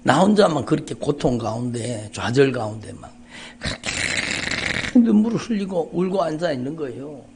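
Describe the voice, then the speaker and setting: A middle-aged man, a pastor giving an emotional testimony in a dawn sermon, repeating phrases and swinging between quiet and loud. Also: a little high, big pitch swings, moderate pace, noisy background. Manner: emotional, repetitive, rising and falling intensity. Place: church sanctuary.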